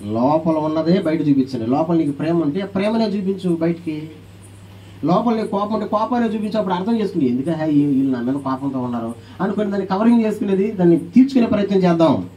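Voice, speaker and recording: A man preaching a sermon as pastor, animated, calling on the congregation to answer aloud and acting out quoted voices. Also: a little high, fast, recorded from a distance, a little hiss or hum, rough recording.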